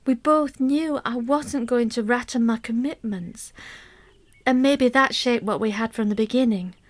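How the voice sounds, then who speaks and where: In a scripted radio play, an actress delivers an intimate monologue as a wistful middle-aged wife and mother who is secretly grieving a love affair. Her voice is on the high side, sad and measured, confiding, and often sinks almost to a whisper.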